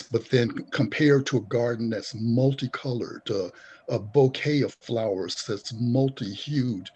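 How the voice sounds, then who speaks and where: A man leading a group discussion, speaking thoughtfully and pausing often with fillers. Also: fairly low pitch, a little mellow, breathy edge. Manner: thoughtful, halting with many fillers. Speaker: discussion host.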